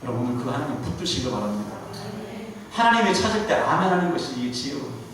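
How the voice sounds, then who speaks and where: A man's voice: mid-range voice, quick pace, background noise. A man preaching a sermon as guest pastor. He preaches with animation and acts out quoted lines in voices of their own. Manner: animated preaching, acting out God's and Moses' words in quoted voices. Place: church sanctuary. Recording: echoey church hall picked up from a distance.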